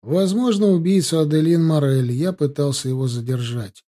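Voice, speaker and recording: A man's voice: on the high side, steady tone, normal speed, dark tone, natural voice. A man reading an audiobook, voicing a terse, weary diplomat turned detective. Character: reserved male diplomat detective.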